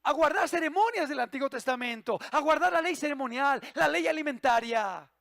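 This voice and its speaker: High-voiced, gravelly impassioned preacher man. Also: animated, a little fast, dry recording, studio quality. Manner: impassioned preaching, swings from loud emphasis to hushed low asides. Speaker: pastor. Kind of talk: sermon.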